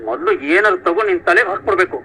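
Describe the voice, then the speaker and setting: A man playing an arrogant, hot-tempered eldest son in a TV serial, scolding and shouting. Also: high voice, rapid-fire, poor audio. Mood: angry. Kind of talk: TV serial acting.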